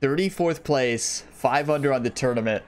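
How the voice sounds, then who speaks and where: This casual let's-play comes from a gaming YouTuber who talks to his viewers as he plays. His medium-pitched voice, moderately paced, is a little worn, since he's slightly losing it.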